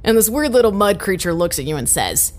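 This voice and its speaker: A woman's voice: mid-range voice, big pitch swings, fairly quick, a little hiss or hum, natural voice, rough recording. A woman playing a game master in an audio drama, narrating theatrically with flustered asides.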